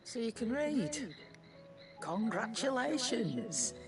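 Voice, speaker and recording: An actress playing a sharp-tongued, sarcastic older woman with an in a video game. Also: on the high side, sing-song, takes it slowly. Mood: tart. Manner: sarcastic, dry. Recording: game audio over music.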